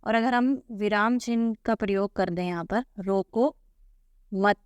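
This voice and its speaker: A woman's voice: medium pitch, normal speed, smooth, dry recording, dull audio. A woman teaching a school Hindi lesson, patiently walking through textbook answers and often checking in with "theek hai". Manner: patient, repeats "ठीक है" often.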